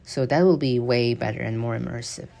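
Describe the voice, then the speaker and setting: Over gameplay clips, a man runs through new game update features at a slightly quick pace. His mid-range voice is fairly even, creaky, and a bit mellow, and his loose commentary is packed with fillers and false starts.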